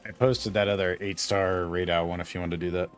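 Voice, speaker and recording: Man, 40s, game stream host, easygoing, jokey, lowish voice. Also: fairly even intonation, a little fast, clean tone, soft background music. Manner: easygoing, jokey, greets chat by name. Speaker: gaming streamer, channel host. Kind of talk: casual live-stream chat while gaming.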